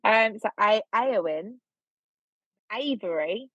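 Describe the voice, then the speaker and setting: A woman's voice: mid-range voice, lively intonation, slow, a bit bright, dry recording. Woman podcast cohost, cheeky and blunt, kinda muffled dry sound. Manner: candid, jokey and blunt. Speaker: podcast co-host. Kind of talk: casual chat. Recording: slightly dull, dry recording.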